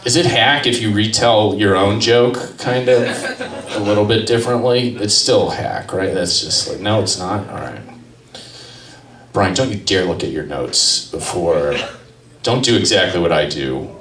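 A man's voice: on the low side, unhurried, a bit bright. A man in his thirties doing rambling, self-deprecating stand-up at an open mic in a small gallery cafe, speaking into a stand mic. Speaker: stand-up comedian. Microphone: handheld mic on stand, far camera. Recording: roomy, from far off.

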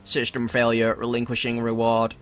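A man's voice: medium pitch, monotone, moderate pace, faint music behind, close to an everyday voice. A man putting on a robot voice to play a stiff android gym leader guarding a mine. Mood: glitching. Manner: put-on robot voice. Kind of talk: let's play commentary with voiced game characters.

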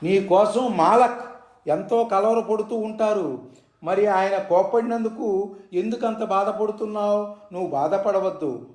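A man voicing a pious older woman who gently pleads with and reassures a troubled devotee, in an echoey room. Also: sits high.

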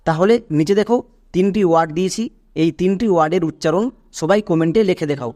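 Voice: mid-range voice, dark tone, no echo. Bengali-speaking teacher walking viewers thru english pronunciation, asks lots of questions, dead dry recording. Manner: spells out words letter by letter, slow and deliberate; quizzes viewers with rhetorical questions. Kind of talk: online pronunciation lesson.

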